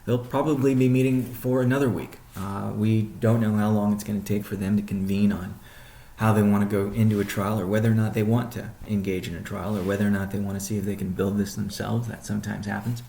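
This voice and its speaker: In an echoing room, a man with a fairly low, heavily gravelly voice hosts his company's weekly update call as CEO. His level, warm tone suits this informal business briefing, and he lays out updates in a measured, explanatory way, often pausing mid-sentence.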